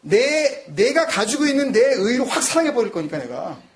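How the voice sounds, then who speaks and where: A middle-aged male pastor preaching a sermon in an animated way. He acts out quoted voices, puts questions to the congregation and mixes in English phrases. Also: extremely high pitch, normal speed.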